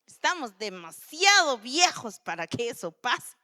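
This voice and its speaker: A woman's voice: high voice, sing-song, pushed and bright, exaggerated voice. A woman preacher voicing an elderly woman who laughs off her own age and fires off disbelieving questions. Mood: incredulous. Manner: exclaiming, rapid disbelieving questions. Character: elderly woman, incredulous and self-mocking about her age.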